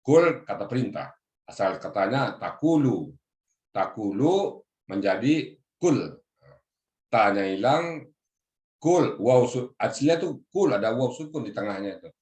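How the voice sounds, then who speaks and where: A man's voice: medium pitch, big pitch swings, unhurried, pauses often, darkish tone, reverberant. A man giving a religious lesson on Quranic verses, explaining the grammar word by word and often addressing his listeners as "Pak". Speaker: religious teacher. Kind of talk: Quran exegesis lesson to a group. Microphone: video call.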